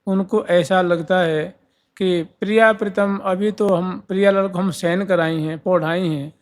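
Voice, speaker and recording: A man's voice: high voice, steady tone, measured pace. A man giving a devotional discourse, explaining verses line by line and singing some lines drawn out. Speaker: devotional storyteller.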